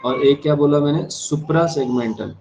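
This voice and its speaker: A man teaching an exam-prep class in Hindi and English. He dictates key terms slowly, repeats them and keeps checking that the class understands. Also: a little high, darkish tone, a little hiss or hum, poor audio. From India. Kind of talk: online exam-prep lecture.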